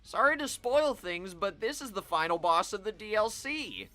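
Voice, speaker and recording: A man giving live commentary while playing a video game, chatty and self-amused, reacting out loud as he plays. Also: sits high, expressive, normal speed, faint music behind. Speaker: game streamer.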